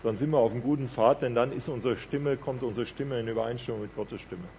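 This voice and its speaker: A man's voice: medium pitch, fast talker, highs cut off, a little hiss or hum. A man preaching a sermon in an earnest, conversational way, often checking in with a "ja?".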